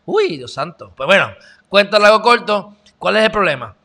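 A man's voice: high-pitched, normal speed. Brash male show host. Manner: animated, sarcastic, talks straight to viewers. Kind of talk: casual commentary reacting to news.

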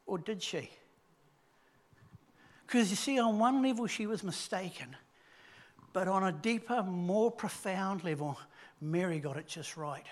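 Preacher guy with a high voice, goes big then real quiet, storytelling sermon. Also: lively intonation, unhurried, pauses often. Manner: storytelling, swings between loud emphasis and hushed low tones.

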